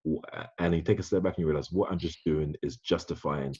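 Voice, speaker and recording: Deep husky guy hosting a podcast, thinks out loud, keeps restarting, dull lo-fi audio. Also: steady tone, quick pace, a little hiss or hum. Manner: thoughtful, with frequent restarts. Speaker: podcast host. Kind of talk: conversational podcast discussion.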